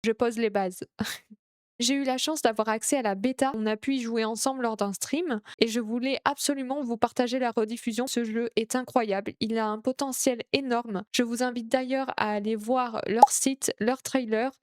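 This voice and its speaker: A young woman streamer chatting excitedly while playing a game, gushing over everything she sees. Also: on the high side, normal speed, no echo, clean studio sound. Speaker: Twitch streamer. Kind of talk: casual gameplay streaming.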